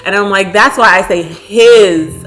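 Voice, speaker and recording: A woman's voice: mid-range voice, unhurried, fairly bright tone, faint music behind. A woman from Washington, D.C., co-hosting a casual chat, telling stories in a chatty, giggly way. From Washington, D.C., United States. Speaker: podcast co-host.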